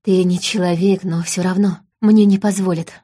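A woman voicing a tearful young female fairy in an audiobook, speaking softly and pleading. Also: on the low side, steady tone, moderate pace, husky. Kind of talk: audiobook reading.

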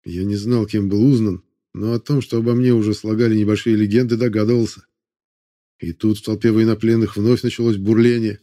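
Mellow-voiced male audiobook narrator. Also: fairly low pitch. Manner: steady measured reading.

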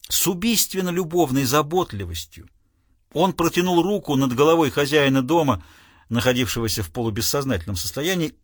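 A man's voice: a little high, fairly bright tone, dry recording, clean studio sound. A man narrating a novel expressively with a wry storytelling manner. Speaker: audiobook narrator. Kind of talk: scripted narration.

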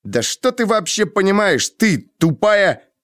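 A man's voice: medium pitch, animated, moderate pace, no room sound, studio quality, close to an everyday voice. A male audiobook reader voicing a proud, defensive young man who speaks in a heated, biting way. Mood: angry. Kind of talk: audiobook character reading.

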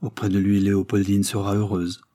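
Guy doing a bitter proud noble lady, reproachful, dark husky voice. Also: fairly low pitch, completely flat delivery, fairly quick, no echo, clean studio sound, natural voice. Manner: impassioned, reproachful, dignified. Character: wounded noble mother, firm and bitter.

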